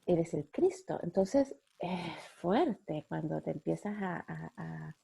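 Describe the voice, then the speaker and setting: A middle-aged woman giving a gentle spiritual talk to a group, often checking in with her listeners. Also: sits low, expressive, vocal fry, slightly rough. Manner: gentle, slow, with frequent "¿ya?" checks.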